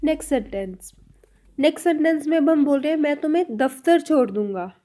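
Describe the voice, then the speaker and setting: A woman giving a spoken language lesson, patiently explaining and saying example sentences slowly, then repeating them. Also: sits high, lively intonation, warm tone. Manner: clear, patient explanation addressed to viewers. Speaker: language teacher.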